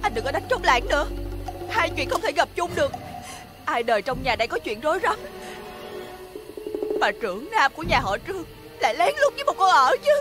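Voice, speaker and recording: An actress playing an indignant, wronged young wife with a Southern Vietnamese accent, speaking in a sharp, accusing way. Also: female voice, sits high, big pitch swings, fairly quick, pauses often. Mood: aggrieved. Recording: music playing behind.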